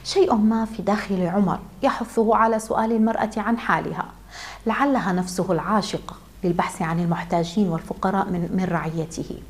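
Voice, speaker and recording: A woman narrating a moral tale in a measured, solemn storytelling manner. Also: mid-range voice, steady tone.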